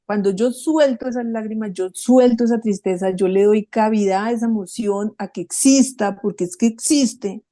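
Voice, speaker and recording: A middle-aged woman co-hosting a podcast, talking in an animated, emphatic storytelling way. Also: mid-range voice, normal speed, hardly any pauses, no room sound. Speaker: podcast co-host. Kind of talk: casual conversational talk.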